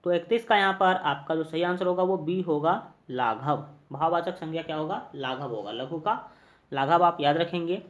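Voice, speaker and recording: A man with a Bihari Hindi accent teaching an exam-prep lesson, going through multiple-choice questions one by one, repeating each answer and filling pauses with hesitations. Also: on the high side, dull audio. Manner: repetitive, drills answers, many fillers.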